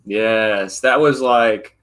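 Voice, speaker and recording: A man's voice: on the low side, very slow, a bit bright, poor audio. A man in his thirties co-hosting a podcast, chatting casually and rambling through stories. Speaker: podcast co-host. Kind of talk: casual chat.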